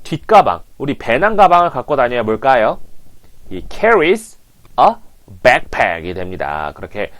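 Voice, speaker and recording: A man's voice: mid-range voice, sing-song, unhurried, a bit bright. A man teaching English as a coach, animatedly prompting listeners to repeat phrases, on a lapel mic. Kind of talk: language lesson.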